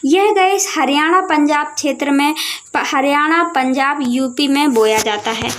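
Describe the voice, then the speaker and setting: A woman's voice: high voice, unhurried, a bit bright. A woman teaching a school lesson over a map, asking questions and answering them herself, often calling her viewers guys. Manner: keeps addressing viewers as guys.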